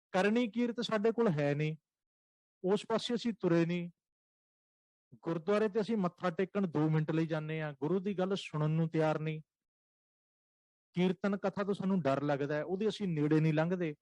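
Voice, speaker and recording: A man with a Punjabi accent preaching a Sikh sermon, chanting scripture lines slowly and repeating short phrases for emphasis. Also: fairly high pitch, darkish tone, no room sound, rough recording.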